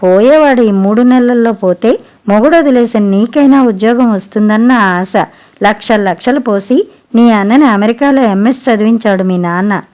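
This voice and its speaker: A woman voicing a loud, shrewish middle-aged mother in a storybook reading, speaking harshly and scolding. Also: on the high side, moderate pace, close to an everyday voice. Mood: scornful.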